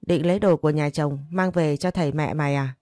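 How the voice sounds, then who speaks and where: A woman's voice: deep voice, steady tone, fairly quick, mellow, dry recording, studio quality, faint music behind, close to an everyday voice. A woman voicing a harsh, spiteful older first wife who scolds and sneers. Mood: scolding.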